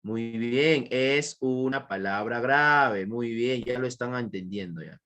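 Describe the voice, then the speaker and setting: A man's voice: mid-range voice, slow, a bit bright. A man teaching an online class with a Peruvian Spanish accent, repeating his points and asking students questions. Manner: repetitive, questioning students, praising answers.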